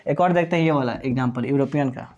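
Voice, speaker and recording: A man's voice: medium pitch, quick pace, darkish tone, lo-fi sound, slight background noise. A man teaching English grammar in Hindi, asking questions and answering them himself and spelling words out letter by letter. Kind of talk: classroom-style lecture.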